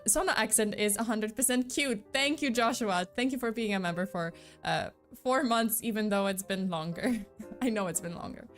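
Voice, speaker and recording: Her mid-range voice is a bit bright as this young woman, not a native English speaker and with a slight mixed accent, rambles through a relaxed live-stream chat full of fillers.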